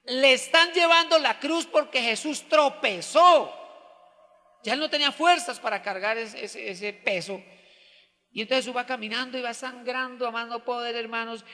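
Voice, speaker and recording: A man preaching a sermon as pastor, animated and speaking directly to his congregation. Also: extremely high pitch, moderate pace. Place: church hall. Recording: long hall reverb.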